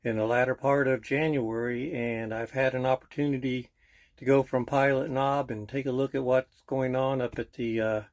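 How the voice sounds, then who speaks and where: A man giving a casual first-person vlog update in a plainspoken, halting way. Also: medium pitch, fairly even intonation. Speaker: RV lifestyle vlogger.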